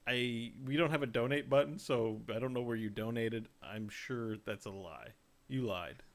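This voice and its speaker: A man's voice: medium pitch, normal speed, creaky. A man hosting a casual livestreamed gaming podcast, rambling and joking as he draws out his setups. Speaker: podcast host.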